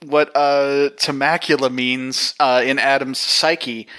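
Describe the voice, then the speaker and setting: A man's voice: mid-range voice, flat delivery, slow, fairly bright tone. A man co-hosting a podcast, giving casual commentary on a show. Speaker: podcast co-host.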